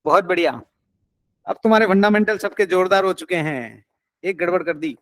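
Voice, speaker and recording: A man's voice: high-pitched, a little fast, fairly bright tone, no room sound. A man teaching an accounts class, coaxing and encouraging his students and mixing in English terms.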